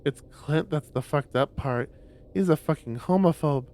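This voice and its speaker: A man streaming a visual novel, reading the story aloud in a lowered voice with loud reactions. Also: normal speed. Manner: reads narration in a lowered voice, reacts with loud exclaims. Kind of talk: reading a story game aloud with chatty asides.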